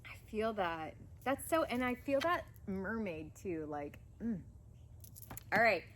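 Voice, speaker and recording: A woman giving a pick-a-pile card reading in an enthusiastic, chatty way that sometimes gets loud and rowdy. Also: mid-range voice, sing-song, a little slow, a little hiss or hum. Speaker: tarot card reader.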